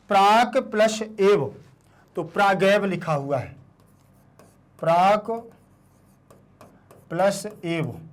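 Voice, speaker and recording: A male teacher explaining a lesson step by step, asking questions and answering them himself, and spelling out syllables one by one. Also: sits high. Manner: slow, repeats answers as questions. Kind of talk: classroom explanation.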